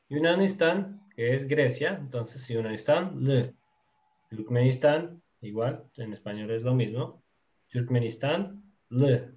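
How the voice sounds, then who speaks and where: A man teaching a live online class, explaining things patiently and filling his pauses with small words. His voice sits at an ordinary middle pitch. The call audio comes through dull and lo-fi. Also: a little mellow. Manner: patient, explanatory, full of fillers. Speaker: Turkish teacher. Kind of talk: live online language lesson.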